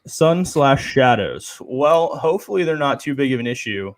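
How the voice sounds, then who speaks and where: A man's voice: mid-range voice, animated, moderate pace. A young man co-hosting a casual sports chat show, rambling and opinionated with lots of fillers. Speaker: podcast co-host.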